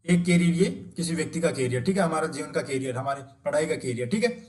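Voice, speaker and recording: A man with a high voice teaches an exam-prep spelling lesson, spelling each word out letter by letter. He keeps asking rhetorical questions and checking that his friends in the audience follow. The room gives his voice an echo. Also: quick pace, a little mellow.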